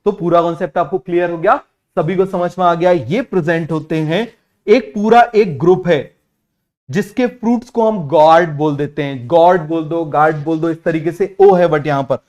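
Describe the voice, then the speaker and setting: A male teacher giving an online biology lesson in Hindi-English mix, repeating key terms and urging students to answer quickly. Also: high voice, a little mellow. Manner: repetitive, keeps asking students to answer quickly; drills terms by repeating them slowly.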